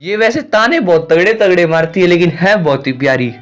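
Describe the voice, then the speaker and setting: A man's voice: sits high, animated, fairly quick, a bit bright, soft background music. Perman, a man doing a cheeky cartoon boy. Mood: fond. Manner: teasing, easygoing.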